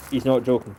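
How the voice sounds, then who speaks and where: A man chats casually on a live stream outdoors, teasing his friend and eagerly recalling details. His voice sits at an ordinary pitch. Steady outdoor noise runs under the talk. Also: low-quality recording. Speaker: co-host of a travel live stream.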